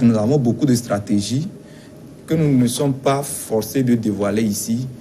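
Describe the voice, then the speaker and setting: A man from Togo representing a teachers' union, answering interview questions in a measured, insistent way with some hesitations. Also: mid-range voice, warm tone, a little hiss or hum.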